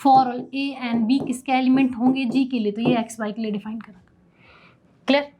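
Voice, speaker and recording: A woman's voice: fairly high pitch, fairly even intonation, normal speed, mellow. A young woman teaching a math lecture, asking questions and answering them herself.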